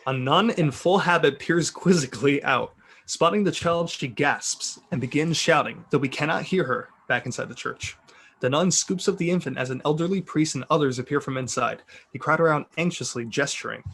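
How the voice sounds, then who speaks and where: Speaking at an ordinary speed, this man has a slightly high, creaky, husky voice with a fairly bright tone. He gives a dramatic, amused reading of a film script's narration and stage directions, tossing in jokes along the way.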